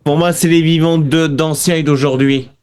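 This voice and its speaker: A man's voice: fairly high pitch, fairly even intonation, normal speed, a little mellow, smooth. A man, a band member answering in a radio interview, with short, repetitive replies.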